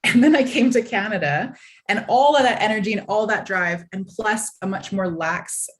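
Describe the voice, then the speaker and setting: A woman's voice: medium pitch, moderate pace. A woman from Hong Kong speaking candidly and animatedly as a panelist on a video call. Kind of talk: panel discussion.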